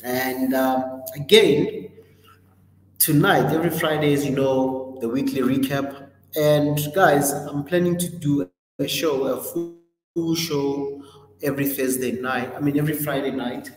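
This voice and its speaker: His voice is medium in pitch, steady and unhurried as he hosts the livestream and loosely walks through the week's plans, stumbling into ums and self-corrections. The recording has a roomy echo with a long tail.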